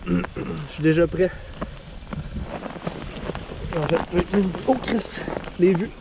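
A young man with a Quebec French accent chatting casually and swearing excitedly while ice fishing. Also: high voice, slow, creaky. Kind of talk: casual chat. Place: outdoors on a frozen lake, later inside an ice fishing tent. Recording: noisy outdoor camera audio.

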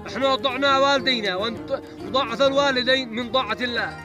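A man's voice: very high voice, quick pace, over music. A man playing an elderly father who preaches at his son, repeating himself and quoting scripture. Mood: preachy. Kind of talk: comedy sketch acting.

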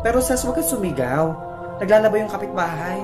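A man's voice: high-pitched, expressive, fast, reverberant, loud music behind the voice. A man performing a playful comic sketch, talking in a teasing, singsong way. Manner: playful, singsong apologizing to mother.

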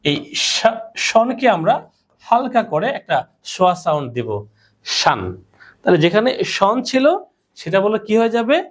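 A woman's voice: mid-range voice, very animated, moderate pace, long pauses. A woman teacher giving a classroom pronunciation lesson, quizzing her students with repeated questions. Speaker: English teacher.

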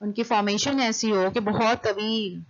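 Slow-spoken woman lecturer, dull lo-fi sound. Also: mid-range voice, fairly even intonation. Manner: reads English points slowly, then explains them fast, often saying "okay". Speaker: university lecturer. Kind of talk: recorded lecture. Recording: dull lo-fi recording.

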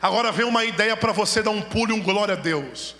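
High, bright-voiced preacher in an echoing church. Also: male voice, fast talker. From Brazil. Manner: animated, rhetorical questions, calls for amens. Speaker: pastor preaching. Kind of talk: sermon. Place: church sanctuary, at the altar. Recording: echoey church hall reverb.

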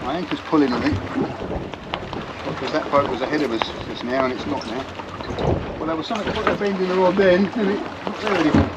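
A man's voice: fairly high pitch, fast, pauses often. A man giving a chatty running commentary while fishing from a small boat at sea. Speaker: angler filming his boat trip. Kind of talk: casual chat while fishing. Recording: muffled outdoor camera audio, loud wind and water.

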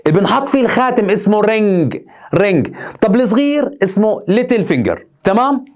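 A man's voice: high-pitched, sing-song, quick pace, darkish tone. A male teacher, drilling vocabulary by asking and answering his own questions. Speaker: English teacher. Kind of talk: vocabulary lesson, repeating words.

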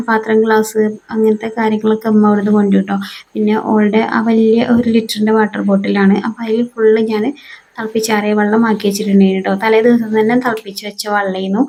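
A woman, talking through a family vlog in a soft, homely way and holding back tears. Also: medium pitch, vocal fry. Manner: soft, homely, ends phrases with a gentle tag. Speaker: family vlogger. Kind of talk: casual voice-over narration.

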